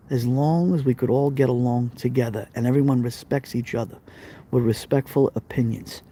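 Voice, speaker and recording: This medium-pitched, dark-toned voice belongs to a chatty middle-aged man from Brooklyn, New York, who has the local accent. He runs a laid-back live stream, addressing viewers directly, reading out their comments and saying the same things over and over.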